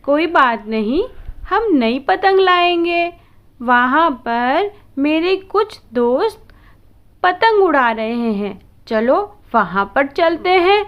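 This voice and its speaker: A woman's voice: sits high, animated, slow pace, lo-fi sound, pitched above the performer's own voice. A woman voicing a kind little girl named Munni who comforts a crying child in a children's lesson skit. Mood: comforting. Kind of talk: children's lesson role-play.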